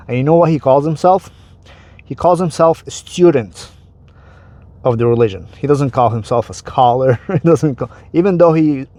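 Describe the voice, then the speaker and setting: Talking casually to camera about religion, this vlogger has a medium-pitched, slightly mellow voice. He's a native Arabic speaker, and his conversational delivery includes repeated words and restarted phrases.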